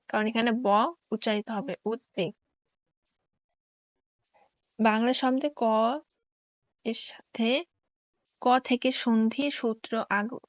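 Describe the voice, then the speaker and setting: A woman teacher slowly reading grammar rules and examples in a careful, dictation-like way. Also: on the high side, no echo.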